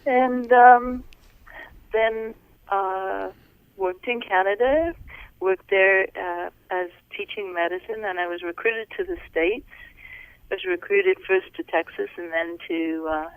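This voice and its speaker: A middle-aged woman from Wales talks in a soft, unhurried way, pausing often as she gathers her thoughts. Her voice is smooth and clear, but it comes through a thin, tinny phone line with a dry, close sound. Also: mid-range voice, no room sound. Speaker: podcast guest, physician. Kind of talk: casual interview talk.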